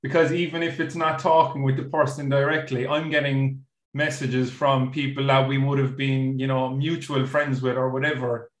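A man with an Irish accent from Cork, hosting a casual chat in a halting way, with an echoey sound. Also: medium pitch, level tone. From Cork, Ireland. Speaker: podcast host.

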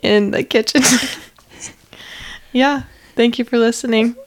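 A woman's voice: fairly high pitch, steady tone, slow. A young woman hosting a podcast, chatting casually and teasing her guest with frequent laughs. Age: young adult. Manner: giggly, teasing. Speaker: podcast host. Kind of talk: casual chat.

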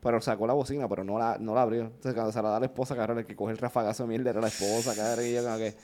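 A man, co-hosting a podcast and telling stories in a casual, animated chat full of swearing. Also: medium pitch, racing, slight background noise. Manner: animated storytelling, swears often. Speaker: podcast co-host.

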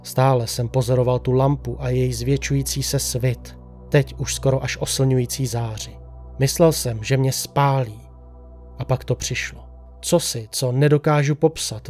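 A man narrates a first-person horror story in a slow, hushed, suspenseful voice of ordinary pitch for a man. He drops to near silence on the quiet moments. A faint music bed plays beneath his reading.

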